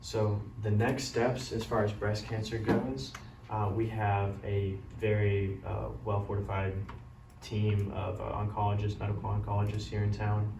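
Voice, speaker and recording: A man playing a caring doctor who breaks bad news gently, apologetically and haltingly in a role-played consultation. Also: on the low side, monotone, vocal fry. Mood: gentle, apologetic. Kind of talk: amateur role-play of a medical consultation. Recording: roomy, distant mic, loud background noise.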